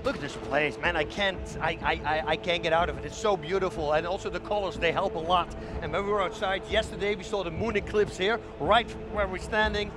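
A man's voice: high voice, fairly even intonation, fairly quick, hardly any pauses. A man giving enthusiastic, exclamatory colour commentary on a fight in a conversational way.

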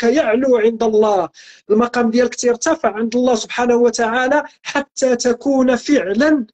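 Earnest Moroccan man preaching with repetition. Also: very high voice. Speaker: religious guest speaker. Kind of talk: spiritual teaching talk.

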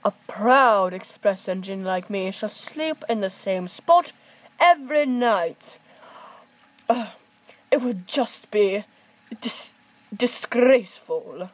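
A woman voicing a proud, pompous male express engine who speaks loudly and haughtily. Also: mid-range voice, animated, rough recording. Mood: haughty. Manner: haughty, loud, drawn-out.

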